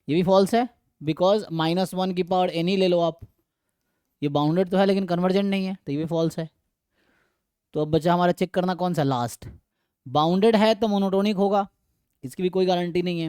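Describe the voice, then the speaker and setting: A male math teacher with an Indian accent gives a live online lecture, explaining each step and asking his students questions. His voice sits high and comes through smooth and clear. The recording is dry and close, with no room echo. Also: a little mellow.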